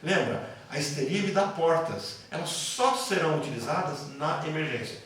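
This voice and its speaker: A man's voice: a little high, lively intonation, normal speed, a bit bright, slight background noise. A man from the interior of São Paulo with a light Brazilian accent, lecturing a class in a conversational way, repeating himself and telling anecdotes. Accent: light São Paulo interior Brazilian Portuguese. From interior of São Paulo state, Brazil. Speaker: psychoanalysis teacher. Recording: echoey classroom from far off.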